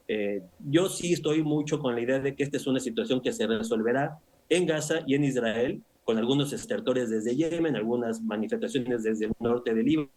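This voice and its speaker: A man speaking as an analyst guest in a news interview, measured and analytical, often tagging his points with rhetorical questions. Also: medium pitch, a little mellow. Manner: measured, analytical, with frequent "o sea" and "¿no?".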